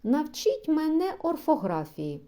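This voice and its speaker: A naive, hot-tempered bourgeois gentleman, as a woman reader puts him on, with an eager exclaiming manner and a loud, lively voice that swings high and low. The tone is mellow and warm. It sounds like a storybook comedy read aloud. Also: unhurried. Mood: delighted.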